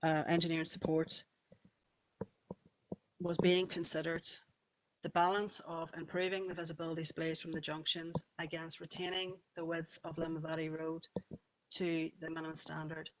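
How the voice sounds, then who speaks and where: A woman's voice: sits low, creaky, low-quality recording. A woman, a planning officer carefully explaining a case to a committee over a remote call, often restarting her sentences. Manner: halting, self-correcting, careful.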